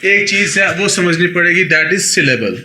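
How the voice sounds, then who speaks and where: A man's voice: high voice, expressive, measured pace, pushed and bright. A man with a Pakistani Urdu accent teaching an English grammar lesson, patiently repeating points and checking that his students follow. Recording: echoey room with faint noise.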